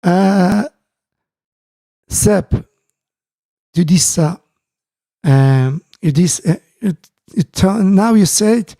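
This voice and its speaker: In a dry recording from his home music studio, a Dutch man hosting a live stream greets his chat viewers in a relaxed, halting way, filling pauses and restarting often. His voice is high, with a gravelly yet mellow quality.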